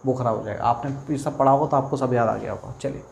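A man's voice: medium pitch, steady tone, fast talker, vocal fry, darkish tone. Guy teaching a biology class, asks then answers his own questions, repeats key words, bit of faint hiss behind. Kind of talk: exam-prep lecture.

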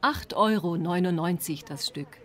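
A woman acting a friendly market seller in a scripted language-lesson dialogue, speaking slowly and clearly. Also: on the low side. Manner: slow, even, clear delivery.

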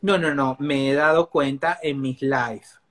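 Male interviewer, mid voice, stretches his questions out slow. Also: medium pitch, fairly even intonation, fairly bright tone. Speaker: interview host. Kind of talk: casual interview chat.

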